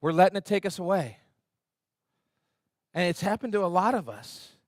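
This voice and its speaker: A man with a fairly high voice preaches an earnest, conversational sermon. He acts out the quotes with energy. The sound is close and dry, with almost no room echo. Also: animated, moderate pace. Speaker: pastor. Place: church sanctuary.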